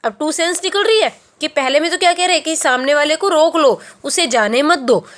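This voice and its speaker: A woman teaching a class, who explains by asking and answering her own questions and slows down on key terms. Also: high voice, a bit bright. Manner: mixes in English terms, slows down on key phrases. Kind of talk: classroom lecture.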